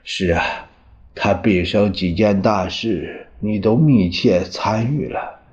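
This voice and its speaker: An anxious older friend, voiced by a male storyteller, pleads earnestly and slowly in a lowish voice. He sounds consoling and urgent. The audio is dull and lo-fi. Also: a little mellow. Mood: pleading.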